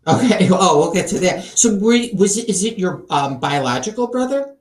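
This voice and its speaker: A man's voice: sits high, animated, moderate pace, roomy sound. A man hosting an interview, asking curious, chatty questions with plenty of fillers. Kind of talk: casual interview chat.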